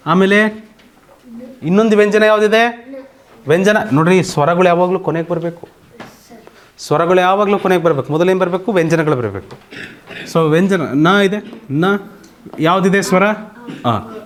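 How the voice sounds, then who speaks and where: A man with a Karnataka accent teaching a slow, patient online grammar lesson, often asking students whether they understand. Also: sits high. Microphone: computer mic on an online class call.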